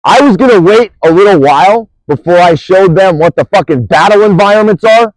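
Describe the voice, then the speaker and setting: A man's voice: sits high, a little fast, no room sound, poor audio. A man delivering an angry, profane monologue, accusing and rambling, restarting sentences as he goes.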